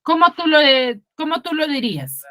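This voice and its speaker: A high-pitched, bright and forceful woman's voice with big pitch swings runs at a moderate pace. She's a secondary school teacher from Peru, speaking Spanish with a Huaraz accent, teaching online over a video call, checking in through tag questions and calling on students by name.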